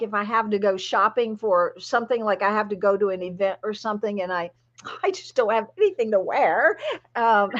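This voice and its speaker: A woman's voice: medium pitch, fairly bright tone, dull audio. A woman host and spiritual guide teaching conversationally, in a chatty, emphatic way. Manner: chatty, emphatic, laughs often.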